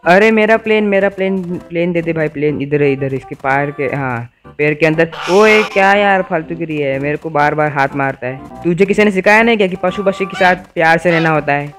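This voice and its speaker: A man's voice: fairly high pitch, brisk, fairly bright tone, faint music behind. A young man giving playful, teasing commentary over a video game and talking to its characters. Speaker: gaming YouTuber. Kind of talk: Let's Play commentary.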